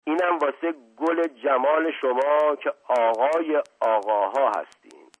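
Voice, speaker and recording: A man voicing a coarse, hot-tempered butcher who talks in rough street slang. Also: medium pitch, voice pushed up, close to an everyday voice. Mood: indignant. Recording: tinny phone-like audio.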